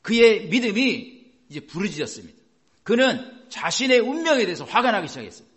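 A man's voice: high voice, very animated, a little fast, a bit bright. A man preaching a sermon in a dramatic way, asking his listeners rhetorical questions and acting out quotes. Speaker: pastor.

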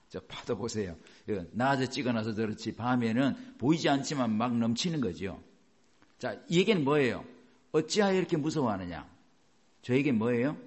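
A male pastor giving a sermon, reading scripture slowly and then explaining it in a chatty way to the congregation. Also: medium pitch, a little mellow.

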